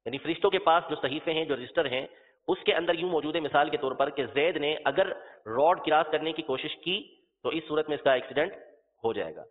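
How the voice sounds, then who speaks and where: A man giving a religious lecture, explaining patiently, repeating his examples and spelling out terms letter by letter. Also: a little high. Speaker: religious teacher. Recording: tinny phone-like sound with long reverb.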